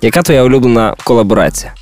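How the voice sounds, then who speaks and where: A man's voice: mid-range voice, expressive, racing, a little mellow. Upbeat male radio host, faint music. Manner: upbeat, playful questioning. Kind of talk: radio interview with quick-fire questions. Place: radio studio.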